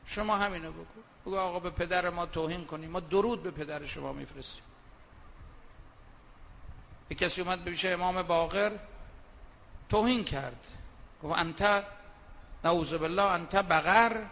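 A man preaching a sermon from the pulpit, reciting verse slowly and then talking fast and colloquially, moving between soft asides and loud emphatic bursts. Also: high voice, vocal fry. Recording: dull reverberant hall recording.

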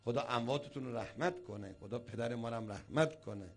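A man, a cleric, preaching a sermon as an animated storyteller who acts out the people he quotes. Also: medium pitch.

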